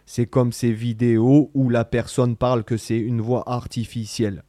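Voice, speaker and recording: A man rants casually to his camera about guitar playing, in a mellow, darker voice. He talks in bursts, stressing words hard, trailing off and restarting often. The sound is dry and close, with no room around it. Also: medium pitch, normal speed, no room sound. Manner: animated, rambling, emphatic, slangy, many restarts. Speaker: guitar teacher vlogger. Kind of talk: casual spoken vlog to camera.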